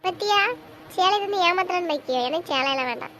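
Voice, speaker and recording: A woman playing an elder sister in a homemade drama, with quick, teasing banter. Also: very high voice, animated, a bit bright, slight background noise, low-quality recording. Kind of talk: amateur web drama acting.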